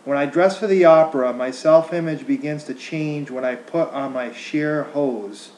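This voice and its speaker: A man reading a prepared text aloud as a diction exercise, enunciating deliberately and carefully, with occasional stumbles. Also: on the high side, darkish tone. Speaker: acting student reading aloud. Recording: echoey untreated room.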